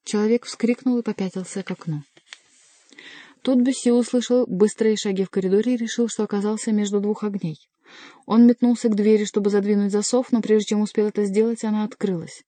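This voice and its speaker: A woman narrating an adventure novel as an audiobook reader, in an even, measured storytelling manner. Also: mid-range voice, no room sound. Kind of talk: scripted narration.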